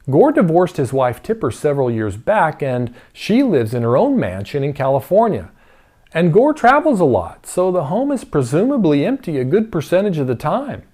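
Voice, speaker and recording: A man's voice: a little high, darkish tone. A man giving scripted opinion narration in a sarcastic tone, with pointed rhetorical questions. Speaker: commentary narrator.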